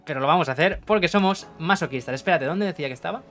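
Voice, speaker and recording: A man's voice: a little high, rapid-fire, over music. A man with an accent from Spain giving jokey, casual let's-play commentary, talking to the screen and swearing freely. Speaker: gaming streamer.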